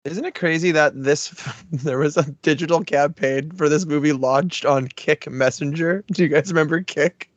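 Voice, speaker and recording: A man in casual podcast chat sounds excitable, with a slightly high voice. He laughs between thoughts and lets sentences trail off. The recording is dry and dull. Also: normal speed, no room sound. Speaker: podcast co-host.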